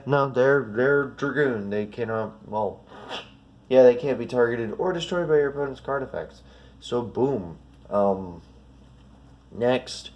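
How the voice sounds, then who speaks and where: A trading card video creator with a lowish, darkish voice walks through a card deck casually and off the cuff. He sounds a bit sniffly and congested, rambling and correcting himself as he goes.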